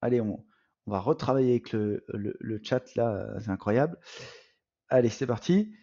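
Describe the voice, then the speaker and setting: Animated French coach with a dull lo-fi sound. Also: male voice, mid-range voice, moderate pace. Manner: animated, addresses audience as "les amis", many fillers. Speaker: business coach. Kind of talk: live online masterclass.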